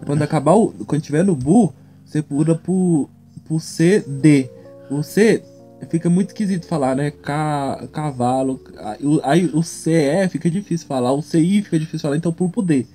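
Man, laid-back drawl, warm mellow tone, pitched a bit high; casual banter. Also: moderate pace, soft background music. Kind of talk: casual chat.

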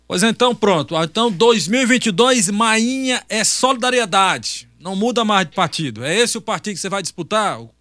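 Man, northeastern Brazilian accent, radio host, chatty interviewer, slightly high voice, dry studio sound. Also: lively intonation, a little fast, few pauses, sharp tone, no echo.

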